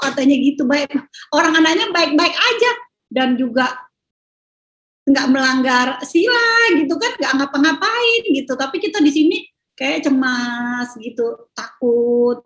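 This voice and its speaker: A middle-aged woman with a high, bright voice tells personal stories in a casual, chatty way, with fillers and laughs. Her voice rings in an echoey room. She talks like a speaker sharing testimony at a religious gathering. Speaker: speaker giving a Buddhist Dhamma talk.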